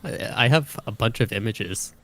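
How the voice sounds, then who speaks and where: A man as a podcast guest, deadpan and halting, with many fillers. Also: medium pitch. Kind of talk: casual podcast chat.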